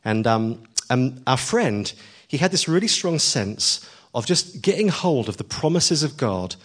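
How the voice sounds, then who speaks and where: A man's voice: medium pitch, very animated, a little slow, a bit bright, slightly rough. A man preaching a sermon, earnest and emphatic, pushing his voice up on key lines, with frequent ums as he tells a story.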